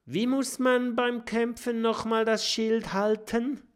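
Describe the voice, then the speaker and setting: A man's voice: very high voice, little pitch movement, slow, clean tone, voice pushed up. A man voicing a timid, slightly dim big male Viking in a storybook reading. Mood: unsure.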